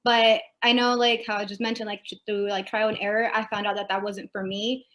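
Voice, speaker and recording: A woman's voice: medium pitch, flat delivery, fairly quick, a bit bright, a little hiss or hum. A woman panelist answering a question on a video call, talking conversationally with many "um"s and "like"s. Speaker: panelist, first-generation student.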